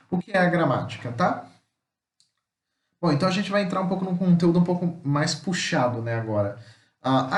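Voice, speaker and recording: A man's voice: a little high, recorded from a distance. A man with a Brazilian Portuguese accent teaching an online language lesson. He explains in a chatty, corrective way and ends nearly every phrase with a checking "tá?". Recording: roomy echo.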